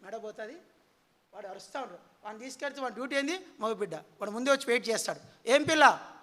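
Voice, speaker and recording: Guy preaching a sermon, sharp bright tone, keeps asking the crowd questions, echo of a big hall. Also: sits high, animated, very fast. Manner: quizzes the audience with repeated questions.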